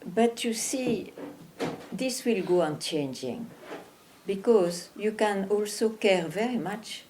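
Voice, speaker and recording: A woman spiritual teacher speaking in a gentle, measured way at a satsang. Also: medium pitch, animated, slight background noise. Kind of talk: satsang talk.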